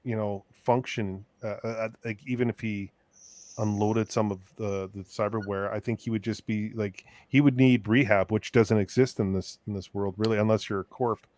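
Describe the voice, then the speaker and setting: Halting low-voiced man, casual host. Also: fairly even intonation, darkish tone. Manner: halting, repeats words, greets viewers by name. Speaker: podcast host. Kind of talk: casual chat.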